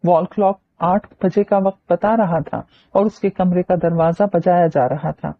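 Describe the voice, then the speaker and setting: A woman narrating a novel in an expressive storytelling voice. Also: fairly low pitch, measured pace. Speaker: audiobook narrator. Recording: dull lo-fi audiobook recording.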